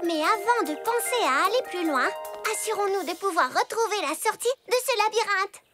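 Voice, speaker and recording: A woman's voice: extremely high pitch, animated, normal speed, over loud music. A woman playing a brave, polite and determined little girl in a children's cartoon, earnest in delivery.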